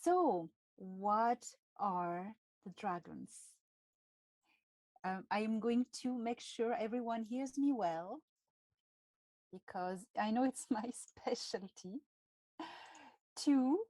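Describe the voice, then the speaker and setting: A woman with a French accent, hosting a live stream and talking in a halting way with many pauses and fillers. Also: on the high side, mellow, dry recording. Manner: halting, many fillers and restarts, laughs often. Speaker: channel host.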